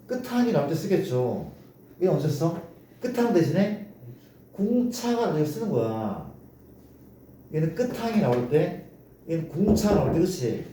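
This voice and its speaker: Lecturing a class in a mellow voice on the high side, this male math teacher coaxes his students and keeps asking if they're following. A distant mic in an echoey room picks him up, along with faint noise.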